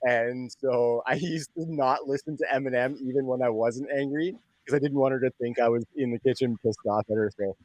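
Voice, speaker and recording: A man's voice: mid-range voice, fairly even intonation, brisk, darkish tone, dry recording. A man in his thirties co-hosting a casual podcast, telling stories and laughing often as he talks. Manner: laughs often, tells stories with quoted asides. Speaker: podcast co-host. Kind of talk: casual chat.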